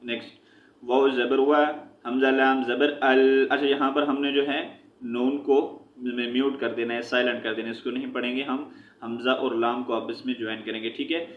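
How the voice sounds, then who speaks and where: A man teaching Quran recitation, spelling out letters and vowel marks syllable by syllable and blending them, with quick explanations that end in a repeated check-in. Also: mid-range voice, little pitch movement. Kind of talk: slow spelling-out recitation lesson. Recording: echoey room, dull lo-fi sound.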